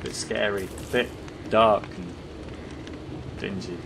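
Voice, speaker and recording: Chatty gamer with a noisy background. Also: male voice, lowish voice, slow pace, gravelly. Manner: jokey, chatty, talks to his in-game pet, jumps between excitement and panic. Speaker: gaming YouTuber. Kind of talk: let's play commentary.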